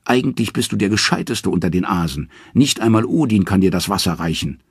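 A man's voice: low-pitched, lively intonation, fairly quick, husky, no echo, clean studio sound, heavily acted. A man voicing a clever, loyal goddess wife who scolds in an indignant tone.

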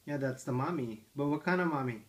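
Settled in a living room armchair at home, a father reads picture books to his little girl in a brisk, medium-pitched voice. He coaxes her playfully and quizzes her about what's on each page.

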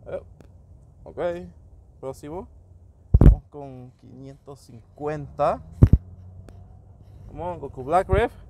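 A man's voice: fairly high pitch, slow pace, long pauses, heavy background noise. A man giving casual commentary on game summons, switching between Spanish and English and reacting to each pull. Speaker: gaming YouTuber.

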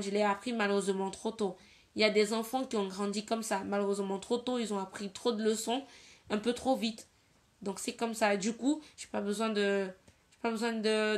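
A young woman from Cameroon talking bluntly and emphatically on a casual live video, often repeating her points. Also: medium pitch. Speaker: livestreamer giving her opinion.

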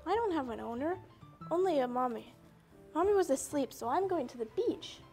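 In a children's puppet show, a woman gives a little lost puppy a high, sweet, innocent voice with childlike openness. Her delivery is expressive and a little fast, and faint soft music plays in the background.

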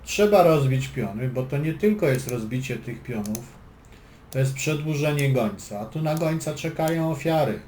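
Between move calls in his chess lesson, the instructor drops dry, joking asides while explaining the plans. His voice is medium-pitched, expressive and a little mellow, at a normal speed. Faint background noise and room echo are audible.

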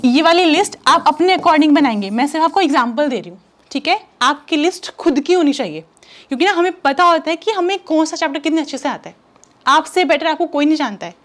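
A woman's voice: sits high, expressive, a little fast, fairly bright tone. A young woman teaching exam strategy to chemistry students in a chatty, direct and reassuring way, mixing in English words. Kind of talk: casual Hindi-English teaching talk.

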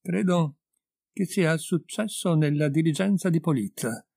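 A man's voice: a little high, unhurried, gravelly, mellow, dry recording, voice pushed up. A man voicing a frightened young farm girl who whimpers timidly, in a story reading. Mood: whimpering.

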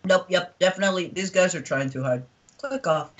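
A woman's voice: on the low side, brisk, lightly acted. A woman putting on a bored, dismissive male viewer with a dry manner. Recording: dull, lo-fi, from off mic.

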